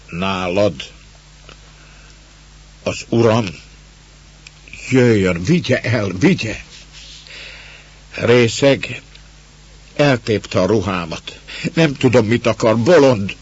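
A man's voice: on the low side, close to an everyday voice. A man voicing a frightened young peasant woman who pleads breathlessly, in a dull, lo-fi recording with a faint hum.

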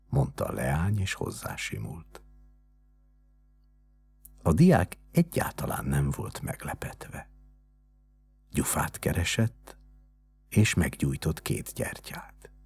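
A man with a very deep, gravelly voice reads a story in measured, hushed narration. His tone is husky and breathy, and his pitch moves expressively. Soft music plays faintly underneath. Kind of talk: scripted narration.

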